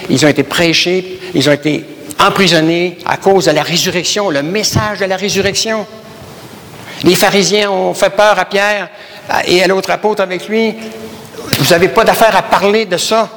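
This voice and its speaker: Québécois pastor preaching emphatically. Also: male voice, high-pitched, steady tone, moderate pace, fairly bright tone, long reverb tail, a little hiss or hum. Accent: Québécois French. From Canada. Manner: emphatic, repeats phrases, addresses listeners as brothers and sisters. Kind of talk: sermon.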